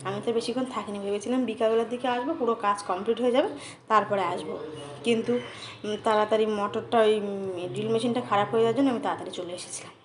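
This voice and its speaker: A young woman narrating a casual family vlog in a chatty way, talking softly to her young son at times. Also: medium pitch, steady tone, rapid-fire. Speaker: family vlogger.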